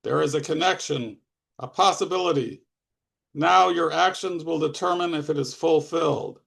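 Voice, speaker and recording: A man's voice: on the high side, normal speed, gravelly, a bit bright, exaggerated voice. A man voicing a mysterious, tremulous young man who speaks in solemn, portentous pronouncements.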